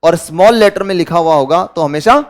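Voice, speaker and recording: A man's voice: a little high, a little fast. A man with an Indian accent giving a grammar lecture in a classroom, who asks his students questions and then answers them himself. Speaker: English teacher.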